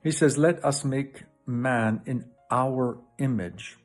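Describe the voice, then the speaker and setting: A middle-aged Canadian man who is a professor and lay preacher gives an enthusiastic greeting and Bible teaching, restarting often. His voice is mid-range and he takes it slowly, with faint music in the background.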